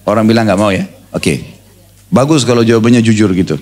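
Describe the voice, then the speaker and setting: Male preacher with a lowish voice, talking to a live gathering and pulling the crowd in with questions. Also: a little fast. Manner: lively, questions the audience directly; conversational, with everyday examples. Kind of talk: sermon. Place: religious study gathering before an audience.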